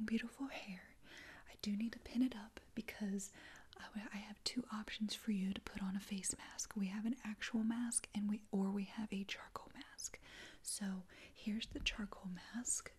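A young woman in a whispered role-play as an attentive, reassuring spa attendant, speaking softly and close up. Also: mid-range voice, fairly even intonation, a little slow, husky. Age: young adult. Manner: soft-spoken, attentive, reassuring customer-service talk. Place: small dim indoor room.

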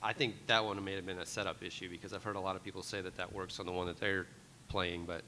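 A man's voice: flat delivery, quick pace, sharp tone. A man speaking as a guest on a live convention panel, earnest and hesitant with many ums. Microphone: table mic on a stand. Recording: hall reverb with faint rumble.

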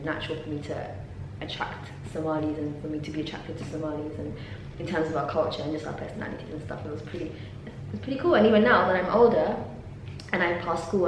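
A young London woman with a voice on the low side chats animatedly to camera, sprinkling in many ums and laughs. This PhD student's casual vlog comes from an indoor university office lab, shot first on a desk camera and then handheld as a selfie. Heavy echo and a faint hum run through it.

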